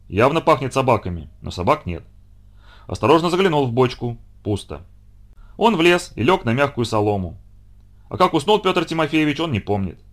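A man reading a children's story aloud with expressive, dramatic narration. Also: mid-range voice.

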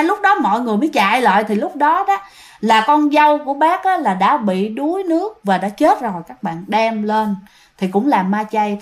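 Woman, casual ghost-story teller, chatty with her listeners; fairly high voice. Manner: chatty, addresses listeners directly.

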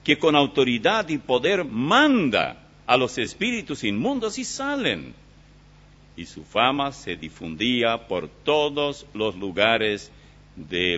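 Male Bible teacher, animated pitch, dull lo-fi recording. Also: slow pace, husky. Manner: reads scripture aloud with lively emphasis, then explains it. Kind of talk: Bible study lecture.

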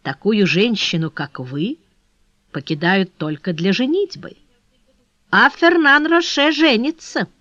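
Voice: medium pitch, big pitch swings, moderate pace, fairly bright tone, no echo. A sly, scheming baronet, as an audiobook reader puts him on, dry and laconic, dropping his voice and drawing out his words. His tone stays impassive and mocking. The recording is dry and a little dull. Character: cold sly scheming male English baronet. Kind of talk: audiobook character reading.

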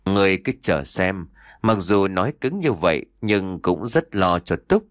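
Deep male voice, lively intonation, audiobook narration, dry close sound. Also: a little slow, no room sound. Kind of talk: scripted narration of fiction.

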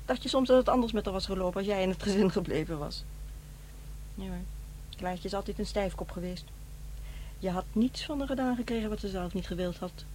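In a Dutch radio drama, an actress plays a middle-aged divorced mother who is matter-of-fact and defensive, delivering her lines in a dry, blunt way. Her natural voice is mid-range, brisk and a little mellow. The recording is noisy, with a hum running underneath.

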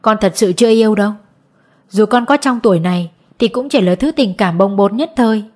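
A woman's voice: mid-range voice, a little fast, darkish tone, close to an everyday voice. Woman reading a stern middle-aged mother. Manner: scolding, then soothing.

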